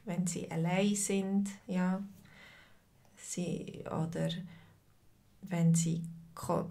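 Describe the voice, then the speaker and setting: A woman's voice: mid-range voice, a little mellow. A woman teaching a live online language lesson over a video call, patiently greeting students by name and asking how they feel.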